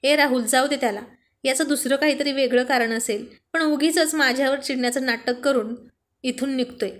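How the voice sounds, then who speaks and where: A woman's voice: sits high, fairly even intonation, normal speed, close to an everyday voice. A woman voicing a stubborn young man who mocks his friend in a spoken story. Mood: needling.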